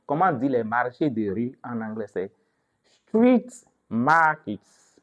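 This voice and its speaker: Man, language teacher, vocabulary lesson, very slow delivery, repeats each word for drilling. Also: mid-range voice, dull audio. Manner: asks the class questions, then answers them. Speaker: English teacher.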